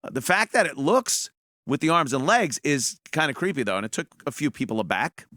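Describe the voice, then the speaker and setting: A man's voice: on the high side, lively intonation, a little fast, pushed and bright, no room sound, clean studio sound. A man hosting a show, rambling with sarcastic asides. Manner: rambling, sarcastic, frequent fillers. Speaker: show host. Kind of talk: casual commentary.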